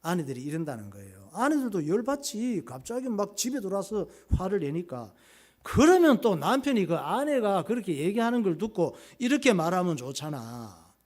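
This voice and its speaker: A man's voice: high-pitched, big pitch swings, moderate pace, darkish tone. A male pastor preaching conversationally in a church, posing rhetorical questions and acting out everyday dialogue. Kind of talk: sermon.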